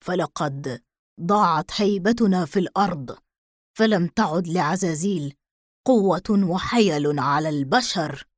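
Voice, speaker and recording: A woman voicing a huge, wrathful male demon king in an audiobook, speaking low, slow and gruff. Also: no room sound, studio quality. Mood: furious, scornful.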